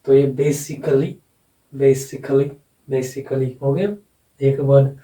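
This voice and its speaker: A man gives an unhurried phonetics lesson, repeating each word and spelling it out letter by letter. His voice is very dark and mellow and stays level. He sounds set back from the mic in an echoey room. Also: medium pitch, steady tone, recorded from a distance. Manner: slow, repeats words and spells them out letter by letter. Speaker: English phonetics teacher. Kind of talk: blackboard lesson explanation.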